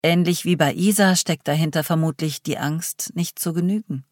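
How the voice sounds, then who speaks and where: A reader voicing a calm man who leads a group and asks probing questions in an audiobook. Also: fairly high pitch, normal speed, dry recording, clean studio sound, lightly acted. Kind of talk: audiobook reading.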